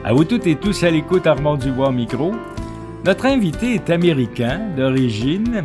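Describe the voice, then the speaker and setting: Slow-talking male radio host. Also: medium pitch. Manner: measured, hesitant with many fillers. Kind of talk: radio interview.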